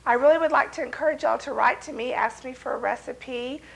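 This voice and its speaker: A woman hosting a local TV cooking show, hoarse from a cold, folksy and chatty with her viewers. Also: high voice, a little fast, poor audio.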